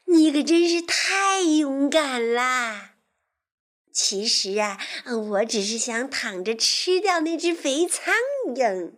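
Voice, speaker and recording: A woman voicing an excitable little boy frog in a children's storybook, exclaiming playfully. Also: fairly high pitch, takes it slowly, few pauses. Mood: cheerful.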